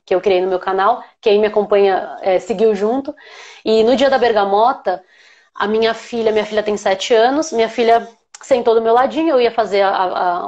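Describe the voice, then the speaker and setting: A woman with a Brazilian Portuguese accent, an aromatherapist hosting a live chat, talking in an animated, emotional way. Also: mid-range voice, dull audio. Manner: animated, emotional, laughs while telling. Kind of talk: casual live chat storytelling.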